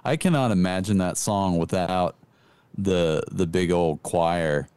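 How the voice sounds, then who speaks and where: A man co-hosting a laid-back music podcast, with a very low, dark, mellow voice recorded dry and close. He jokes at his own expense and lights up when the talk turns to guitar playing. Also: a little slow, smooth, no room sound. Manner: jokey and self-deprecating, enthusiastic about guitar. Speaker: podcast co-host. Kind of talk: casual music podcast chat.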